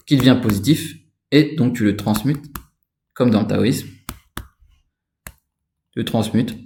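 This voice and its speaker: A man's voice: fairly low pitch, a little mellow, echoey room, slight background noise. A man giving an informal spoken lesson on energy and chakras, rambling and addressing the listener directly. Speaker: spiritual energy instructor.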